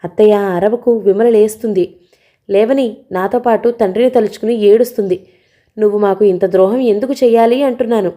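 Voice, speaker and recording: A woman's voice: fairly even intonation, moderate pace, mellow, natural voice. A woman doing a bitter scolding mother. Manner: accusing, shrill tirades. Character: bitter grieving middle-aged mother, shouting.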